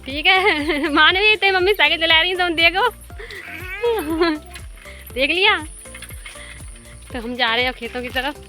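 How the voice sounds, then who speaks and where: A woman's voice: very high voice, expressive, unhurried, long pauses, bright, forceful tone, faint music behind. A woman chatting casually and laughing often as she films a vlog outdoors in the fields. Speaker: vlogger.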